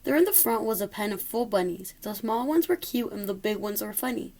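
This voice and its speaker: A woman's voice: mid-range voice, animated, fairly quick, darkish tone. A woman reading a rhyming children's story aloud expressively, occasionally stumbling over a word. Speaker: storybook reader.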